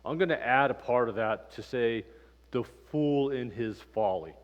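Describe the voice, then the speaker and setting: Relaxed man teaching a church class. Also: medium pitch, moderate pace, muffled recording. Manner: relaxed, conversational, many ums and uhs. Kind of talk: casual Bible lesson with personal storytelling. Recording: reverberant church room.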